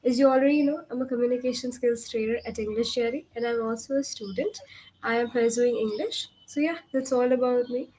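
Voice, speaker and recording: A woman's voice: on the high side, fairly quick, darkish tone, rough recording. A young woman from India with an Indian accent, teaching a one-on-one English lesson in an instructive way, often checking for understanding. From Kolkata, India. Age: young adult. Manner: instructive, frequent check questions. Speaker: English communication tutor.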